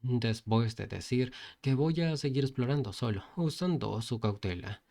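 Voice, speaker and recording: A man's voice: medium pitch, expressive, normal speed, vocal fry, warm tone. A man narrating a comic story recap in a loose, casual way, with repetitive linking phrases and frequent restarts.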